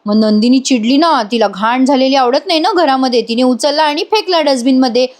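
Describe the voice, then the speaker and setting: A woman's voice: high-pitched, fairly quick. A young woman narrating a chatty voice-over recap of a TV serial episode, with asides to viewers. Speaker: TV serial reviewer.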